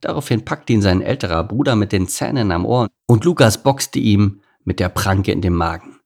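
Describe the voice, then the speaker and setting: A man narrating a children's audiobook in an expressive, lively reading. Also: lowish voice, normal speed, creaky. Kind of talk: audiobook storytelling.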